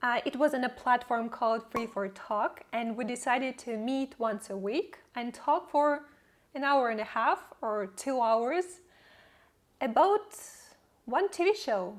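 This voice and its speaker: High-voiced woman vlogging in English. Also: a little slow. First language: not English. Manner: reflective, upbeat, laughs between points. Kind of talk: personal vlog narration.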